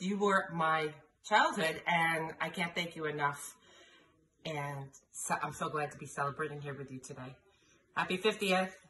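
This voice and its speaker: A woman's voice: on the low side, pushed and bright, slight background noise, low-quality recording. A woman recording an emotional, heartfelt fan greeting on a webcam in her living room.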